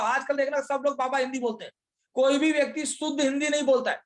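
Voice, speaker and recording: Male trainer, high voice, lecture delivery that asks and answers its own questions. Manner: explains step by step, repeats phrases, mixes Hindi with English words. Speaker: leadership trainer. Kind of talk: motivational class lecture.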